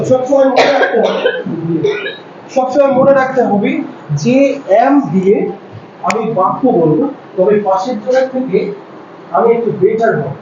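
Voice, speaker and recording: A man in his twenties teaching an English class, coaxing students in Bengali and English. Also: noisy background. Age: 20s. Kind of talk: classroom lesson. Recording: dull low-fi room audio.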